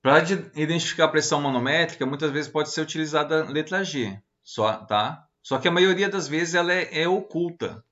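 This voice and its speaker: A man's voice: a little high, fairly quick, few pauses, a bit bright, lo-fi sound. Casual man teaching a lesson. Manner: casual, hesitant, many fillers and tag questions. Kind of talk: online lecture explaining slides.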